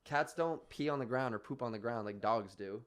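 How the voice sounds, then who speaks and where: A man's voice: medium pitch, brisk. A young man co-hosting a podcast, laid-back and a bit hesitant in casual chat. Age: young adult. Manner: laid-back, hesitant, lots of likes and restarts. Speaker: podcast co-host.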